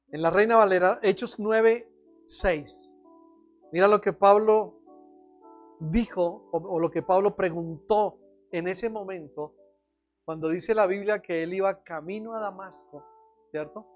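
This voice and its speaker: Earnest pastor preaching. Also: medium pitch. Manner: earnest, questioning the congregation, acting out quoted prayers. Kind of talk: sermon.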